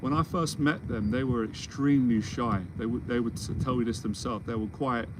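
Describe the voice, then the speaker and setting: A man's voice: mid-range voice, brisk, background noise. A man of forty, a confidence mentor, talking in a rambling, reassuring solo Q&A and often restarting his sentences. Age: 40s. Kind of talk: solo Q&A monologue. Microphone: livestream or video call setup.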